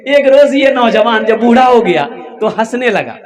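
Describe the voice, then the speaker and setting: Brief: male preacher from eastern India, high voice, dramatic storytelling sermon. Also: animated, normal speed. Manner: emphatic, dramatic, repeated exclamations. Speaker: Islamic preacher.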